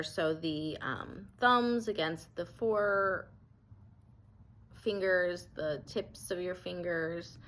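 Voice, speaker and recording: A woman instructor guides a body scan meditation in a gentle, reassuring, permission-giving way, her voice on the low side.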